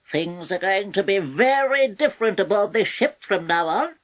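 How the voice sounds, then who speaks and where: Man voicing a pompous old pirate captain for a storybook, high and blustery, pitch swooping all over. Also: lively intonation, moderate pace, lo-fi sound. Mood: angry. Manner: huffy, sputtering exclamations.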